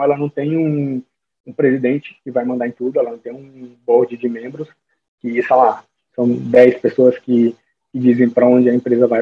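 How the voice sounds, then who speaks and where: A man's voice: medium pitch, breathy edge. A young man with a Brazilian accent giving a casual online talk over slides, informal and full of fillers and restarts. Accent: Brazilian Portuguese. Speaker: guest speaker. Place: small room at home. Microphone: webcam or laptop mic on a video call. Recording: phone-like narrow sound.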